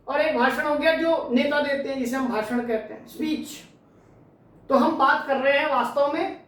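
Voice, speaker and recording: A woman teacher giving an exam-prep lecture who asks her students questions and then answers them herself. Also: sits high. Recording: very echoey room, distant mic.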